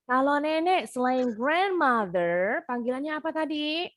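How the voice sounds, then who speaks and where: A woman's voice: high voice, animated, a little slow, no room sound. A young woman with an Indonesian accent teaching an English class over a video call, patiently explaining and repeating words for pronunciation.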